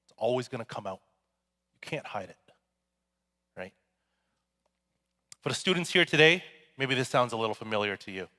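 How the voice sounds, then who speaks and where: A man's voice: mid-range voice, expressive, normal speed, pauses often, sharp tone. A male pastor giving a sermon in a casual, joking, conversational way. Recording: echoey hall.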